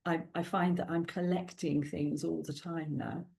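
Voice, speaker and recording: Speaking at a normal pace, a middle-aged guest author from South Wales uses a low voice with fairly even intonation and some vocal fry. A native Welsh speaker with a Welsh accent, she keeps the casual interview chat warm and chatty, laughing often and using plenty of ums.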